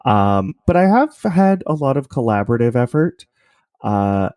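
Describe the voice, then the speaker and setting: A man appears as an interview guest on a podcast, a podcast creator himself, explaining things in a rambling, self-correcting way during casual chat. His medium-pitched voice is sing-song and a little mellow, at normal speed, in a dry recording.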